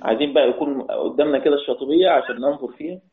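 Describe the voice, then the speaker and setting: A man with an Egyptian Arabic accent teaches an online lesson on Quran readings, explaining patiently, quizzing his class and chanting quoted verses slowly. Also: mid-range voice, background noise. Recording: tinny phone-like online call audio.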